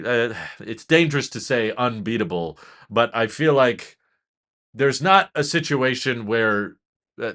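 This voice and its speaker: Young male host, bright tone, casual and animated live-stream commentary. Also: medium pitch. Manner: casual, animated, skeptical but enthusiastic.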